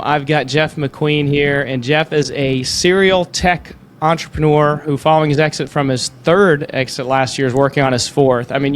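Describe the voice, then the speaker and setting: Informal male podcast host, faint background noise. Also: on the high side. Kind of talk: conversational podcast introduction.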